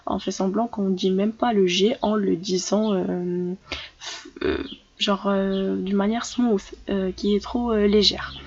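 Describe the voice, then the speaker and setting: Hesitant woman teaching with a gravelly edge. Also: medium pitch, fairly even intonation, takes it slowly, darkish tone, highs cut off. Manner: hesitant, many fillers and restarts. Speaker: English teacher for French speakers. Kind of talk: casual vocabulary lesson.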